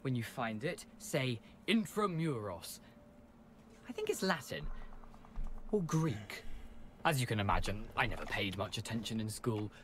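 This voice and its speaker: A wry, reluctant ghost of a young man in a video game. He talks theatrically with a lively, moving pitch. There is faint noise behind the voice. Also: unhurried, long pauses. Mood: wry, helpful.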